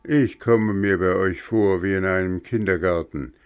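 A man playing an old Saint Nicholas figure, a stern but kind boss who scolds loudly in a storybook. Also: a little slow, smooth. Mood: grumbling. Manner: booming scolding, then gentle.

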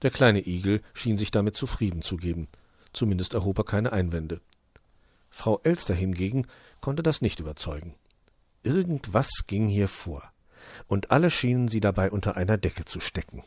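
A man reading a children's story aloud as narrator, expressive. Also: on the low side, normal speed, husky, no echo.

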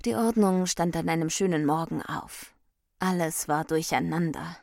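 A woman reads a fable aloud in a clear, measured storytelling voice. Her voice sits low for a woman. The recording is dry and close, with no room sound. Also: darkish tone, no room sound. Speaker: storybook reader. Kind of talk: scripted narration.

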